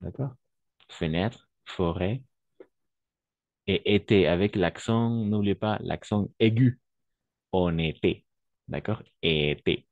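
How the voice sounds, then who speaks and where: A man's voice: on the low side, a little slow, gravelly, a little mellow, no room sound, lo-fi sound. A man teaching a French lesson online, patiently repeating examples and often checking that his students follow.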